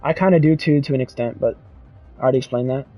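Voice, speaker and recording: A young man streaming casually, reading chat and rambling excitably with lots of "dude" and "bro". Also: mid-range voice, fast, dull audio, faint music behind.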